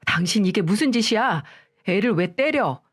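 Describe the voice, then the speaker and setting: A woman's voice: medium pitch, animated, normal speed, husky. A defensive husband taking his sister's side, read in a woman's own voice, reproachful and pleading. Light music plays underneath the story reading.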